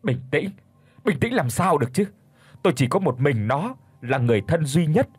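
A man voicing a frantic middle-aged father who pleads and shouts in a hurry, with a husky voice. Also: on the high side, sing-song, no room sound. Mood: furious. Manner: desperate, shouting, hurried.

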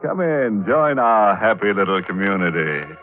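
An actor playing a sardonic, mock-friendly horror host in the vintage narrating style of 1940s radio, full of macabre jokes. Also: male voice, fairly low pitch, sing-song, normal speed. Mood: sardonic, ghoulish. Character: ghoulish, sardonic male host of a horror show. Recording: old tinny radio recording with music.

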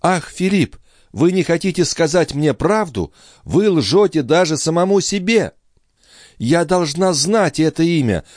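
A man reading an audiobook and voicing a distraught, indignant young noblewoman in an impassioned, pleading voice that rises toward shrill. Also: lively intonation, measured pace, darkish tone, dry recording, studio quality. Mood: desperate. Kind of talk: audiobook character voice.

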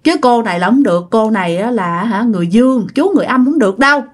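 A woman with a Mekong Delta accent voicing an older male exorcist who speaks softly and pleads patiently. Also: a little high, lively intonation, quick pace. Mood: pleading. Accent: Southern Vietnamese (Mekong Delta).

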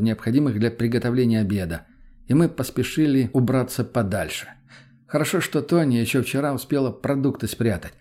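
A man reading a first-person story aloud in a steady, unhurried manner. His voice sits at an ordinary male pitch and carries the narration without fuss. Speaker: audiobook narrator.

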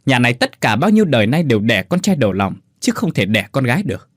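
A man voicing a cruel, arrogant older mother-in-law who scolds in a shrill voice. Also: big pitch swings, fast, no room sound, studio quality. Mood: venomous.

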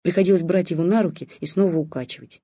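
A reader giving calm, even scripted audiobook narration, in a dull lo-fi recording. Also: mid-range voice, fast, breathy edge, no room sound.

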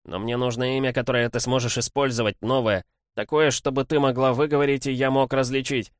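A man voicing a demon who speaks as a small, lonely boy in a storybook reading, high and pleading. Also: fairly even intonation, fairly quick, no echo, studio quality, lightly acted. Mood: earnest.

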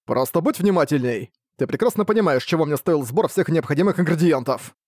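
A man's voice: fairly high pitch, animated, fairly quick, darkish tone, dry recording. Man playing short-tempered young adventurer, snappish, stressed, dry studio read. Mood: stern. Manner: irritable, snapping.

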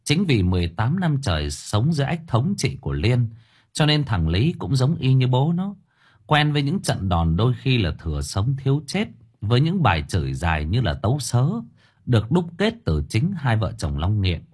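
A man narrating a story in the first person, lively and expressive. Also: mid-range voice, normal speed, breathy edge.

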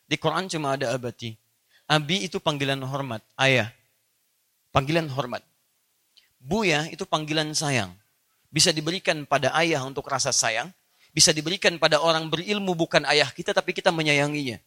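A man's voice: a little high, moderate pace, pushed and bright. A man preaching in a religious study lecture, speaking straight to his listeners and often asking them rhetorical questions. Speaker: Islamic preacher.

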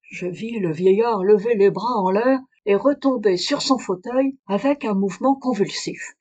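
A woman's voice: mid-range voice, moderate pace, darkish tone, highs cut off. Woman reading a story aloud. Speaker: audiobook reader. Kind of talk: audiobook narration.

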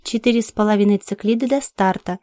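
A woman voicing a pleasant female starship computer that makes calm, measured announcements in an audiobook. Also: medium pitch, no room sound, studio quality, natural voice.

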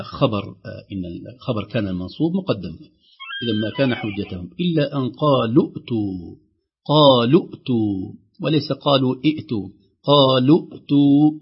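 A man teaching Quran recitation rules on a call-in show, explaining each rule and then reciting the examples slowly and drawn out. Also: mid-range voice, husky. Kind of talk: tajweed lesson on a call-in show. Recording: dull lo-fi broadcast sound.

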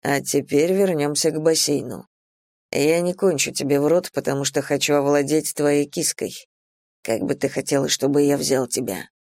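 A woman reader voicing a dominant, teasing man in an erotic romance audiobook, speaking low, slow and hushed. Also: fairly even intonation, no echo, studio quality. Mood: teasing, commanding.

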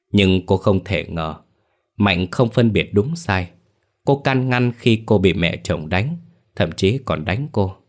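A man narrating a dark family story in a somber, scripted telling. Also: low voice. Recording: faint background music.

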